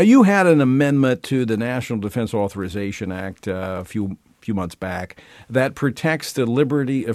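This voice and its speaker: A man from Louisiana hosting a talk radio show, chatting with many fillers and swinging between loud and soft delivery. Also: mid-range voice, no echo.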